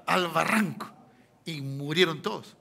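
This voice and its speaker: Chilean male pastor, sermon, bright piercing tone, animated with shouted peaks. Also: on the high side, unhurried, creaky. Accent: Chilean Spanish. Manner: animated preaching, rhetorical questions to the congregation, bursts of shouting.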